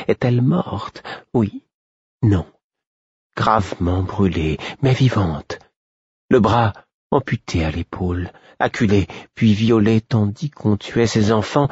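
A man voicing a sorrowful, prophetic male court jester for an audiobook, reciting grim visions in a flat, listing tone. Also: mid-range voice, husky, no room sound, lo-fi sound, pitched above the performer's own voice, heavily acted. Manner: flat, listing tone, rising to pleading. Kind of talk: audiobook reading.

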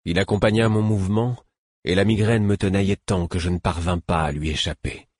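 A man reading a first-person novel aloud in a steady, measured way. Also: sits low, dry recording. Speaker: audiobook narrator.

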